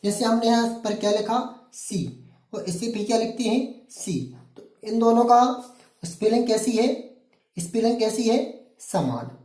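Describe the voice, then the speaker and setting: A man's voice: very high voice, a little slow, mellow. A male teacher from Madhya Pradesh, India, giving a classroom-style grammar lesson. He asks questions and answers them himself, repeating the key words. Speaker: English teacher. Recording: echoey room.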